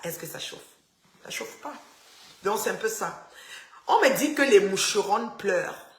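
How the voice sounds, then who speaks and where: A woman chats with her live-stream viewers through her phone, teasing and full of asides. The sound is echoey and roomy. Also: mid-range voice. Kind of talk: casual live-stream chat in the dark. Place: house with the power cut.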